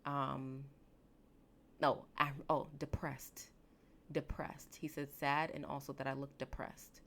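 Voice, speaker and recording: Slow gravelly-voiced woman reflecting. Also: a bass voice, little pitch movement, a bit bright, slight background noise. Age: late 20s. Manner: slow, halting, emotional with many restarts. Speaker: podcast host and therapist. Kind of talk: reflective solo podcast talk.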